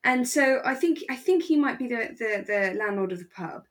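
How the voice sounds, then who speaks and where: In a high-ish, animated voice at normal speed, a woman co-hosting a podcast chats about a radio drama. She muses aloud and hedges her points in a relaxed, reflective way.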